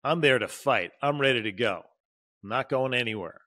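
A man's voice: mid-range voice, normal speed, pushed and bright. A man hosting a podcast as a relationship coach, talking straight to his listeners in a conversational motivational style and acting out little quoted moments. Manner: direct, addresses listeners as "you" and "guys". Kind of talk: motivational solo talk.

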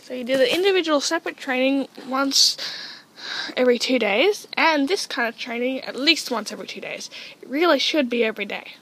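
Teenage girl, high-pitched, casual home tutorial host who coos sing-song commands at her pets. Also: lively intonation, brisk, fairly bright tone, slight background noise, low-quality recording. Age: teens. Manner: coaxing sing-song calls to her pets between explanations. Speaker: guinea pig owner demonstrating training. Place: at home beside a guinea pig cage.

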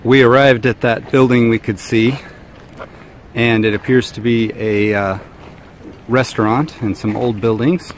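A family vlogger in his thirties films himself with a handheld camera held at arm's length while hiking a forest trail. Speaking in a mid-range voice at a measured pace, he offers relaxed, chatty observations as outdoor sounds carry behind him.

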